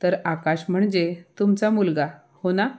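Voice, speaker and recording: A woman voicing a calm, defiant young daughter-in-law who answers back dryly in a family story. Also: lowish voice, unhurried, natural voice. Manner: calm, dry retorts.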